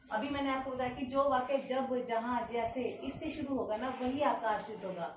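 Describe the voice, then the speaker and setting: A woman teaching a grammar lesson with a fairly high voice. She explains patiently, repeating each example and posing questions she then answers. The recording is distant, in a very echoey room. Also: moderate pace, background noise.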